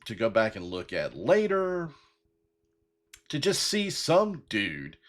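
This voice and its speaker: A man's voice: medium pitch, huge pitch swings, slow pace. A man in his fifties hosting his own show, talking sincerely and rambling with many fillers and restarts. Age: 50s. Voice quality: bald-headed. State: getting emotional. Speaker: podcast host. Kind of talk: heartfelt solo talk.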